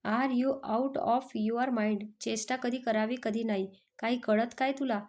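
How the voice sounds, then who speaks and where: A short-fused young male boss, voiced by a woman narrator in a storybook. He snaps and shouts in exasperation, in a slightly high voice. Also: fairly even intonation, takes it slowly. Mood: exasperated. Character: hot-tempered young male office boss.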